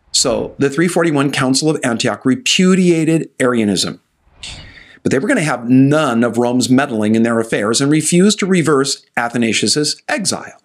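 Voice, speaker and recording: A man in his sixties, a pastor, teaching church history to camera in a scripted, storytelling way with asides to the viewer, recorded on a studio mic in a study. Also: medium pitch. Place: indoor study with bookshelves. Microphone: studio mic in front of him.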